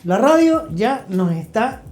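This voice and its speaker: His voice very high and sing-song with a darkish tone, an Argentine man takes it slowly as an interview guest. He tells and explains things reflectively, with emphasis and brief check-in questions, over a roomy echo and faint music.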